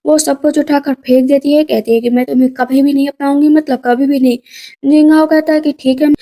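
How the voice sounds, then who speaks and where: A woman narrates a drama recap in a high, mellow voice. She retells the story conversationally, repeating lines for emphasis. Her delivery is casual rather than performed.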